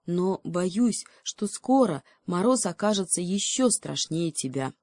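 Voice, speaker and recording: A woman's voice: fairly low pitch, expressive, darkish tone, dry recording, clean studio sound. Woman doing a sad wise hedgehog. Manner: slow, sorrowful.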